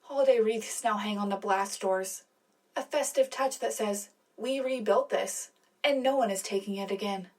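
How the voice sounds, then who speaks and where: A woman with a medium-pitched, darkish voice reads at a moderate pace, lightly acted. She plays an earnest, patriotic wartime radio co-anchor, delivering scripted newscast narration sincerely and dramatically.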